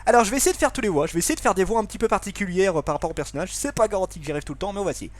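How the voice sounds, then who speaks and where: Chatty gamer man, lively voice. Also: sits high, very fast. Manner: chatty, apologetic, self-mocking. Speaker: let's play gamer. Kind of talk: casual game commentary.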